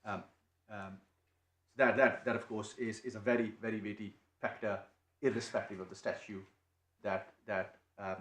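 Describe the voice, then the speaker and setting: A man making a legal submission to appeal judges, halting and restarting often as he speaks. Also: fairly low pitch, fairly even intonation, a bit bright. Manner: halting, many restarts and repeated words. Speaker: barrister. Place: courtroom. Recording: echoey courtroom, faint noise.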